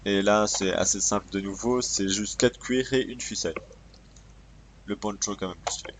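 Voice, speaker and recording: A man with a lowish voice narrates his gameplay in a loose, joking way, cursing at the game and muttering to himself. He's on a cheap desk microphone, with faint hiss and the clatter of keyboard clicks behind him. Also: fairly even intonation, moderate pace. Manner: casual and profane, joking, mutters to himself while playing. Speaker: gamer showcasing a mod. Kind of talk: casual gameplay commentary. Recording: cheap mic with faint background noise. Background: keyboard clicks and typing.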